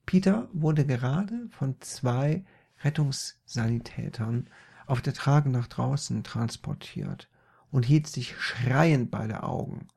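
A man tells a comic story in a slow, deadpan manner, stumbling over words and correcting himself as he goes. His voice has a rough, gravelly texture, and he never hurries. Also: medium pitch. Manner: deadpan, unhurried, with slips and self-corrections.

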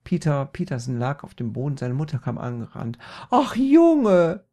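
A man narrating a comic story in a deadpan, unhurried way, often correcting himself mid-word. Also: mid-range voice.

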